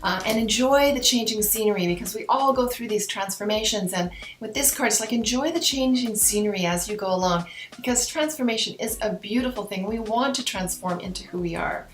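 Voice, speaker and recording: A woman's voice: a little high, fairly quick, hardly any pauses, roomy sound, slight background noise. A woman doing a card reading to camera like a fortune teller, chatting directly to viewers in a mystical new-age way. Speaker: tarot and oracle card reader hosting her own channel.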